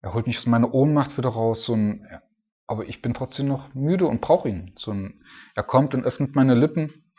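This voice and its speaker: A husky-voiced man of medium pitch and moderate pace gives an informal sermon, explaining Bible passages in a folksy, conversational way full of fillers. The recording is dull and lo-fi.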